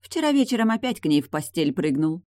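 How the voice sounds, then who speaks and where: A woman's voice: lowish voice, big pitch swings, brisk, darkish tone, no room sound, studio quality. A woman reading the part of a tough, menacing woman investigator in an audiobook, cold and clipped. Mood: curt.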